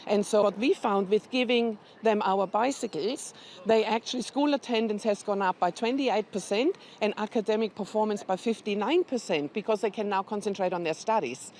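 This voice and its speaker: A woman's voice: medium pitch, normal speed, darkish tone, a little hiss or hum. A woman speaking as a charity representative in a news interview, explaining things step by step in an informative way.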